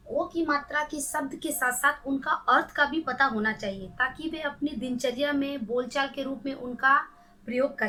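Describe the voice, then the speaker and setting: A woman's voice: high voice, bright, forceful tone. A woman teaching young children to read, sounding each syllable out patiently and asking them questions as she goes. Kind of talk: children's Hindi phonics lesson.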